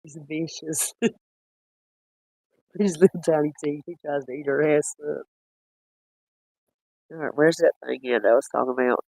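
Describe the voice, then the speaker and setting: A man chatting casually while reviewing footage, rambling and quick to laugh. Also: fairly high pitch, fairly even intonation, gravelly, darkish tone, no room sound. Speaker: cryptid-hunting streamer.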